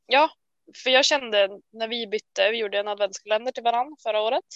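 A woman co-hosting a casual chat, talking in a chatty, self-deprecating way full of quick restarts. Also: fairly high pitch, dry recording, lo-fi sound. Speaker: podcast co-host. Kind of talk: casual chat about knitting.

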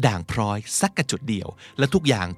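A Thai man hosting a vocabulary lesson, explaining words in a chatty, unhurried way and acting out example lines. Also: fairly low pitch, sing-song, slightly rough, no room sound, soft background music. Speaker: podcast host teaching English vocabulary. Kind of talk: casual teaching monologue.

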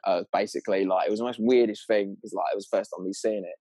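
A man's voice: fairly low pitch, steady tone, quick pace, mellow, dry recording. A man with a southern English accent telling anecdotes in casual, sweary, slangy chat, rambling along in a matey way.

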